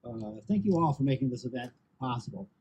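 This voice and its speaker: A man's voice: medium pitch, lively intonation, vocal fry, a little mellow, a little hiss or hum. Man reading ceremony remarks, muffled sound. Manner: measured, with frequent ums and uhs. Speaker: housing nonprofit executive. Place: outdoor groundbreaking ceremony.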